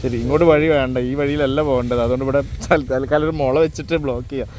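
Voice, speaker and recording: A man's voice: mid-range voice, fairly even intonation, racing. A man with a Kerala Malayalam accent giving casual ride vlog commentary, mixing English words into Malayalam. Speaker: vlogger. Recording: loud outdoor motorcycle and traffic noise. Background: vehicles, motorcycles, outdoor ambience.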